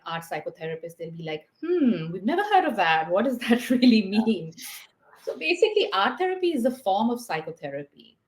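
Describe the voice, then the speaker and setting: A woman's voice: medium pitch, roomy sound. A woman from Pakistan, a guest art therapist on a video call, explaining her work thoughtfully and step by step, with many fillers along the way. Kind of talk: explanatory interview talk.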